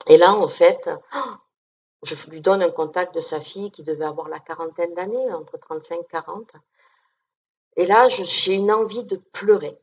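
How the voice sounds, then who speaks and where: A down-to-earth woman talks to an audience in an informal, chatty way, filling pauses and checking in as she goes. Her voice sits a little low. The recording sounds dull and lo-fi. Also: breathy edge. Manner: down-to-earth, chatty, many fillers and check-ins. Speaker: medium giving a talk. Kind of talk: informal conference talk to an audience. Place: conference room with an audience.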